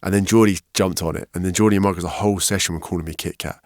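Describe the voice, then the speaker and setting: A man, a podcast guest, telling his story candidly and frankly, getting animated when he quotes other people. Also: low-pitched, very fast, no echo, clean studio sound. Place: podcast studio.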